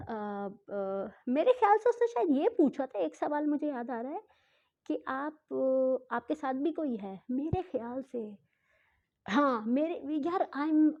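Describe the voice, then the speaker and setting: A woman telling a travel story in a casual vlog, chatty and often correcting herself, mixing in English phrases and speaking slowly on purpose. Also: high voice, highs cut off. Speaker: travel vlogger.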